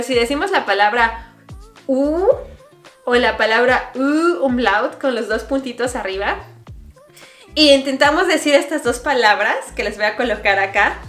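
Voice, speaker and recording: A woman's voice: fairly high pitch, fairly bright tone. A young Mexican woman vlogging in a chatty, explaining way, piling up examples and asides. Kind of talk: casual explainer vlog. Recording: roomy echo, faint music behind.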